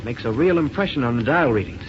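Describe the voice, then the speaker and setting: A man playing a bold young space pilot hero in a 1930s radio drama, brisk and confident. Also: mid-range voice, animated, close to an everyday voice. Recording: dull old radio recording with loud hiss.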